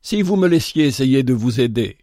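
A man voicing a calm, cordial bishop in an audiobook, speaking gently. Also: mid-range voice, moderate pace, no echo, clean studio sound, lightly acted.

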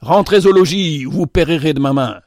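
A man's voice: on the high side, brisk, a little mellow, no room sound, studio quality, close to an everyday voice. A man voicing Cronos, a wrathful old titan. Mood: threatening. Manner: threatening, commanding. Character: wrathful old male Titan of time, scythe-wielding. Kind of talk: dramatic audiobook reading.

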